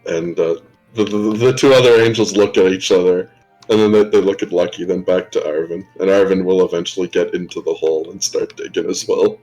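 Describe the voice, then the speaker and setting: Very deep-voiced man running a tabletop game. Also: fairly even intonation, brisk, warm tone, soft background music, low-quality recording. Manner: casual, stammering restarts, laughs often. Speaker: game master. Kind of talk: narrating a tabletop role-play game. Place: home room, live stream.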